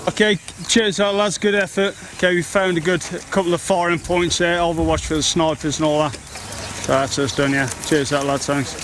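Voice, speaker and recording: A man's voice: fairly high pitch, fairly even intonation, moderate pace, heavy background noise. A British man briefing soldiers informally as patrol leader, blunt and instructive, recorded outdoors. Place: outdoors at a military checkpoint.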